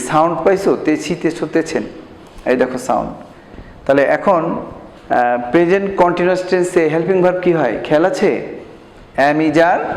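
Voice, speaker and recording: A man teaching a grammar lesson to a class. He patiently asks questions, answers them himself and slows down to spell out examples, in a Bangladeshi Bengali accent. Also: a little high. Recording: echoey room with long reverb.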